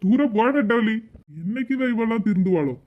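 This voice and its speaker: A woman's voice: a little high, fairly quick, narrow, tinny audio, pitched below the performer's own voice, natural voice. A woman voicing a bossy young husband, ordering his wife about. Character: bossy young village husband, mama's boy. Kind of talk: cartoon comedy voice acting.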